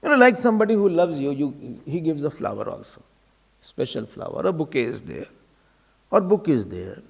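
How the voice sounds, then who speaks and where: A man's voice: fairly high pitch, sing-song, normal speed, vocal fry, breathy edge. A man with an Indian accent giving a spiritual discourse, emphatic and repetitive, asking rhetorical questions and slipping in Hindi phrases. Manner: mixes Hindi phrases into English.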